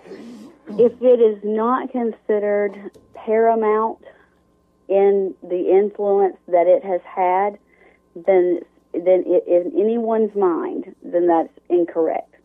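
A woman's voice: medium pitch, steady tone, takes it slowly. A woman who hosts a morning radio show, a guest on a talk show, speaking emphatically in long run-on sentences. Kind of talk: talk show interview over the phone. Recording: tinny phone line.

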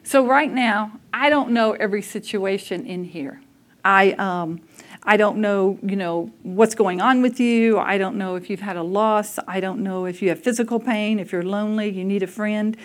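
A woman's voice: mid-range voice, moderate pace. A woman preaching a conversational sermon, telling personal stories candidly and laughing at herself. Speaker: speaker at a church service.

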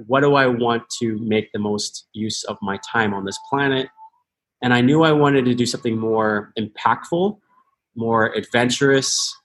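An American man in his thirties, a podcast guest, talking earnestly and thoughtfully, often restarting his sentences. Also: mid-range voice. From United States. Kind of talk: reflective interview talk.

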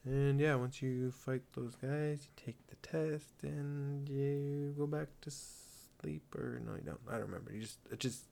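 A man's voice: mid-range voice, fairly even intonation, unhurried, creaky, hardly any pauses, warm tone. A young man hosting a casual gaming chat, rambling, laughing often and swearing casually. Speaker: gaming podcast host.

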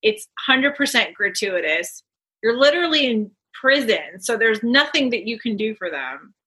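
A woman's voice: fairly high pitch, big pitch swings, moderate pace, pushed and bright, breathy edge, low-quality recording. A woman hosting a podcast interview, playful, chiming in with jokey asides. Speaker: podcast host. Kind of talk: interview conversation.

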